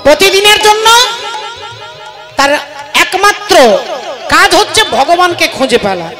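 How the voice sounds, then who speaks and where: A woman storyteller gives a devotional sermon in a high, bright voice. She is dramatic and speaks straight to her listeners. Loud devotional music accompanies the live recording. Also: expressive, a little slow. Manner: dramatic, addresses the audience directly. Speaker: devotional storyteller and kirtan singer.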